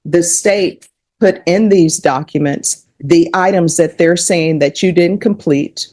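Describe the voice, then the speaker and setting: A woman judge speaks in a fairly low voice. She asks her questions at a steady, measured pace and keeps to procedural wording. The sound is recorded in a courtroom.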